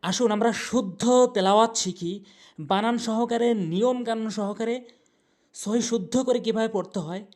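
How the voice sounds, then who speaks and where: A woman teaching Quran recitation. She chants verses slowly and drawn out, then explains pronunciation and repeats words to correct them. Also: fairly high pitch, steady tone, darkish tone. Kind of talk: recitation lesson.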